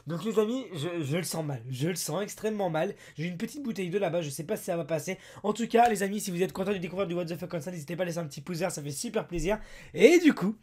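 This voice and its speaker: A man from France with a hoarse, broken voice from a cold, excitedly opening surprise toys in a casual unboxing vlog, exclaiming and repeating himself. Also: high voice, racing, hardly any pauses. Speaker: toy-opening YouTuber.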